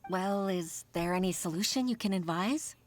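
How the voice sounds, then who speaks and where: A woman voicing a small, chatty fairy companion in a game, eager and quick to react. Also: lowish voice, close to an everyday voice. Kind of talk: game voice acting. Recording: game audio under music.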